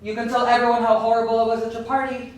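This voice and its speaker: A young man playing a steady man who soothes and coaxes a distraught woman in a live stage play. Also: very high voice, rapid-fire. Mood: soothing. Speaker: stage actor. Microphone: distant room mic. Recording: echoey theater from far off, faint hiss.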